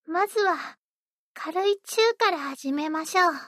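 A woman's voice: very high voice, lively intonation, a little slow, a bit bright, no echo, studio quality, full character voice. A woman voicing a sweet, eager young maid-café hostess who speaks politely and dotingly. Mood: tender. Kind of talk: roleplay audio drama.

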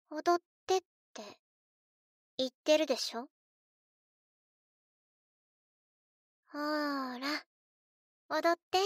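A high, childlike little girl, speaks slowly in a cutesy, coaxing way. She is spoiled and eerily sweet, addressing the listener as her living doll in a scripted role-play, recorded close and dry. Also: dry recording. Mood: playful, insistent. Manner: cutesy, coaxing, childlike, refers to herself in third person.

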